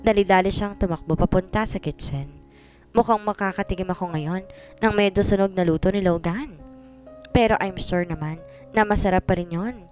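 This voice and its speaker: A woman narrating a romance story in a chatty way, mixing English into her telling. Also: medium pitch. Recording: faint background music.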